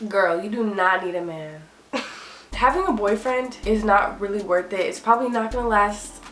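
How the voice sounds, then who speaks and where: Chatting straight to camera, a young woman vlogger dishes out sassy, upbeat school advice, peppering her speech with "like." Her mid-range voice, a bit bright yet tired and slightly cracked, moves at normal speed. The recording has a roomy quality.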